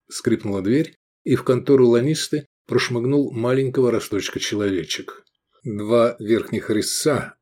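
A man narrating an audiobook with expressive, animated reading. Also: mid-range voice. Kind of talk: scripted narration.

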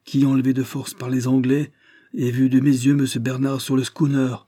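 A man's voice: medium pitch, level tone, normal speed, dark tone, no echo, studio quality, pitched above the performer's own voice, natural voice. A man voicing an earnest young male sailor in an audiobook, pleading and insistent.

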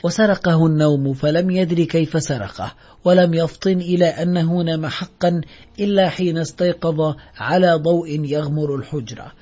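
A man narrating a literary novel in a measured, solemn reading. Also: on the high side, dark tone, husky. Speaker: audiobook narrator. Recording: dull lo-fi audio.

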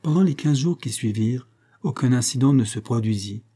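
Mellow-voiced male audiobook narrator. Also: mid-range voice, lively intonation, fairly quick. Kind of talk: scripted narration.

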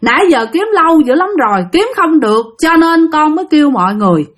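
A woman's voice: high-pitched, very animated, fast talker, pitched above the performer's own voice. A woman voicing a frantic young man, calling out in panic as he pleads for help.

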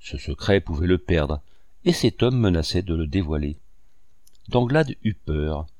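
A man narrating a classic novel as an audiobook reader, in a measured storytelling way. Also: deep voice, expressive, darkish tone, no room sound.

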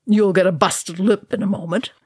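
A woman voicing a gruff, stern male dwarf king who growls and commands. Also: lowish voice, slow, mellow, dry recording, clean studio sound. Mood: snarling.

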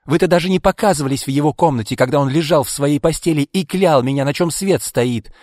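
A shrill, bitter woman hurls accusations in a high, strained voice that leaps and falls, as a man reading a story puts her on. She scolds without letup, spiteful and aggrieved, in a dry, close recording. The reading has the feel of a spoken storybook. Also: huge pitch swings, unhurried, dry recording, big-room sound. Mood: resentful.

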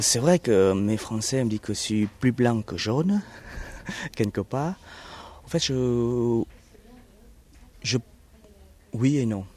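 A man's voice: mid-range voice, a little mellow. A man from Vietnam with a Vietnamese accent, answering interview questions in a hesitant way with many fillers and restarts.

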